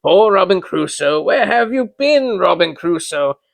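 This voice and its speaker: Man acting excitable old miser, high and exclamatory. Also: a little slow, creaky, dry recording, studio quality, full character voice. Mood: excited glee. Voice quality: voice between laughing and crying. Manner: exclamatory, earnest. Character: excitable old miser reliving childhood with gleeful emotion.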